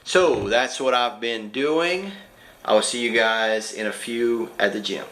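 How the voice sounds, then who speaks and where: A young man talking quickly and chattily to the camera as a fitness vlogger. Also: medium pitch, a bit bright. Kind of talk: casual vlog talk. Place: gym.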